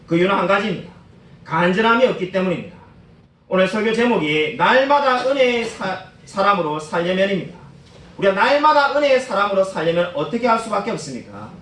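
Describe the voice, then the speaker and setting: A male pastor delivers a sermon in a fairly high voice that climbs and falls with lively swings. He speaks earnestly and directly to his congregation. The sound comes from some way off the mic and rings around a roomy church hall. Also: a little fast, far from the mic. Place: church sanctuary.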